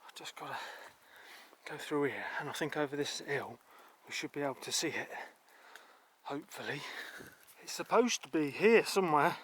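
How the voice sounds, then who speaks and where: A man's voice: a little high, lively intonation, normal speed, a bit bright, slightly rough. A man chatting as he walks a muddy misty countryside route, grumbling about the weather. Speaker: travel vlogger. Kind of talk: walking tour commentary. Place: outdoors on muddy fields in mist.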